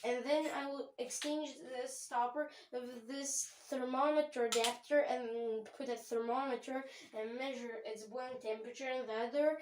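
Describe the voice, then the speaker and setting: A woman who hosts a home chemistry channel gives a rambling, chatty tour of her home lab, frequently correcting herself. Her voice is high-pitched and slightly mellow, with a faint hiss or hum, and the room is echoey.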